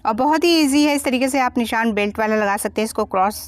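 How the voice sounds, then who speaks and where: A woman's voice: on the high side, fast, dry recording. Patient woman teaching blouse cutting. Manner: patient, explaining each step. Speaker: sewing teacher. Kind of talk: step-by-step tutorial voice-over.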